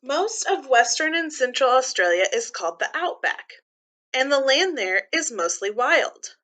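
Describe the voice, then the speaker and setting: A woman with a bright, fairly high voice reads a children's book aloud like a teacher. She explains things simply and clearly for young listeners, switching between reading and commentary. She's very animated but keeps a measured pace.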